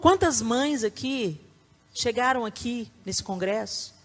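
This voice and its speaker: A middle-aged woman with a Brazilian Portuguese accent, preaching to a conference audience with emphatic, animated delivery and sudden loud bursts. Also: fairly high pitch, takes it slowly. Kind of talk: sermon. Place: conference hall before a live audience.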